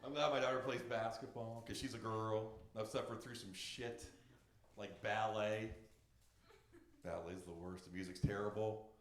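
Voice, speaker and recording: A middle-aged man doing a stand-up comedy set, brash and profane with deadpan punchlines, on a club stage. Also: fairly low pitch, measured pace, slight background noise. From United States. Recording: roomy club with crowd laughter. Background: audience laughing.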